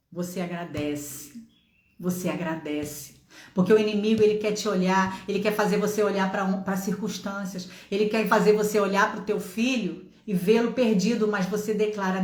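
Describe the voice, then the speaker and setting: A woman's voice: medium pitch, fairly even intonation, moderate pace, reverberant. A middle-aged woman with a Brazilian accent preaching a passionate sermon from her home office, exhorting listeners and acting out dialogue from her testimony. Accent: Brazilian Portuguese.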